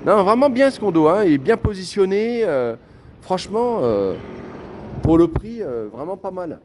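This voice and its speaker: A man's voice: high voice, very animated, normal speed, a little mellow, a little hiss or hum. A young man vlogging casually as he walks through an apartment building, talking straight to the viewer with many fillers and restarts. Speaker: travel vlogger. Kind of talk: casual vlog tour.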